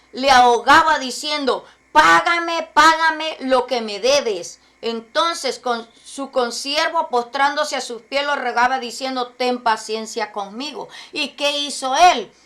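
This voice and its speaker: A woman's voice: sits high, sharp tone. A woman preaching a sermon, emphatic and asking many rhetorical questions.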